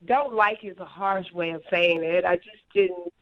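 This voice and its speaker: A woman's voice: on the low side, unhurried, a crowd in the background. A woman heard over the phone, talking in a laid-back, matter-of-fact way in casual chat. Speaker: caller. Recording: dull, dry phone line.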